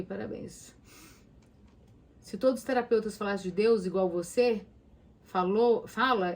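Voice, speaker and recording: A woman's voice: mid-range voice, darkish tone. A woman therapist with a Brazilian Portuguese accent, talking casually and emphatically to viewers and asking them direct questions. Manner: emphatic, speaks straight to the listener with rhetorical questions. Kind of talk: casual talk to viewers about anxiety.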